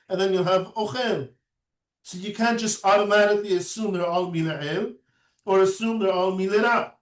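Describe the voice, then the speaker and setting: A man teaching a recorded lecture, explaining step by step and often checking in with "right?". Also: high voice. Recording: echoey room, mic at a distance.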